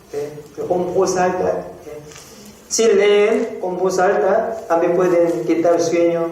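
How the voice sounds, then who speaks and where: Male pastor, slow deliberate sermon, distant mic, heavy hall echo, faint background noise. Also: high-pitched, a little mellow. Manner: slow, repeats phrases, frequent "eh?" prompts to the congregation. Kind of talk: sermon teaching. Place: church hall. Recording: very echoey hall, from far off.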